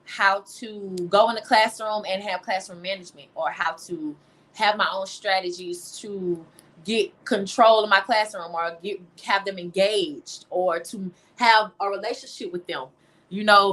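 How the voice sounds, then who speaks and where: With a pushed, bright, mid-range voice, a young American woman gives casual interview answers. A teacher and singer-songwriter, she speaks emphatically and often slips in "you know."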